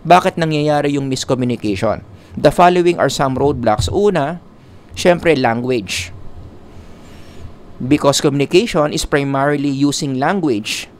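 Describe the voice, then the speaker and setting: A man's voice: a little high, measured pace. A man giving a psychology lecture in a classroom style, mixing in English with jokes and asides.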